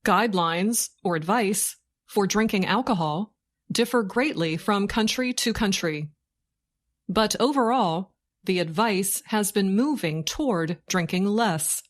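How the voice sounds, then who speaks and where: A woman narrates a scripted news report for learners slowly and deliberately, in short phrases with pauses, like a dictation. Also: mid-range voice. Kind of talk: slow scripted learning-English news reading.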